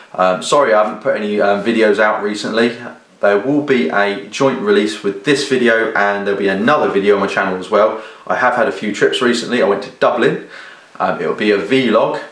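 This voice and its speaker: Low-voiced British man in an echoey room. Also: a little fast, fairly bright tone. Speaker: video reviewer. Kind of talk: casual product review to camera. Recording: roomy, echoey sound.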